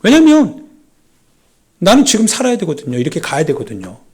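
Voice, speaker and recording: A pastor delivers a sermon with dramatic emphasis, acting out the voices of doubters with rising intensity. His voice is high, with wildly swooping pitch, a slightly fast pace, and a tone that is a little mellow and slightly rough.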